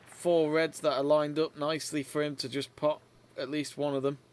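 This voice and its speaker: A man hosting a live snooker watch-along, giving measured, conversational play-by-play commentary. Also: a little high, level tone, darkish tone.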